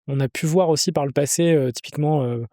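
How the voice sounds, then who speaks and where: A man's voice: fairly high pitch, fast talker, dark tone, no echo, clean studio sound. A man hosting a podcast, asking questions hesitantly and searching for words. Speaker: podcast host. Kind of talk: interview questions.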